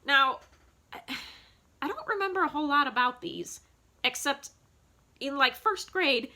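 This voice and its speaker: A woman in her thirties talks casually in her basement, rambling with plenty of fillers and false starts. Her voice is bright and forceful and sits a little high. She is recorded on a phone. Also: lively intonation, unhurried. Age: 30s. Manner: rambling, chatty, many fillers and restarts. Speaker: vlogger. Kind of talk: casual nostalgic show-and-tell. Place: home basement.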